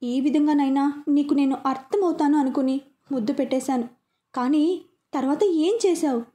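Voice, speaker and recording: A woman's voice: sits high, normal speed, mellow, lightly acted. A woman voicing a hurt, reproachful young wife in an audio story, pleading and scolding by turns.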